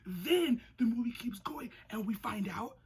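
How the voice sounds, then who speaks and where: A young woman giving a casual, comedic recap in an animated, sarcastic way, with slangy phrasing and a husky, breathy voice. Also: fairly high pitch, a little slow. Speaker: movie reviewer.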